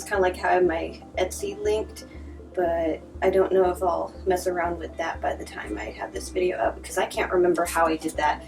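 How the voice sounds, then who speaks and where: A woman casually chatting and thinking aloud while she works on art in a vlog, sometimes dropping to a soft whisper, a little sniffly. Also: lowish voice, recorded from a distance, low-quality recording. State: sniffly from allergies. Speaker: artist vlogger. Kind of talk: casual crafting vlog chat. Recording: voice a little off-mic, faint music behind.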